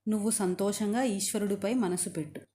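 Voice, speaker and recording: A woman's voice: mid-range voice, fairly quick, mellow, close to an everyday voice. A woman storyteller voicing a pious, firm husband who reasons earnestly.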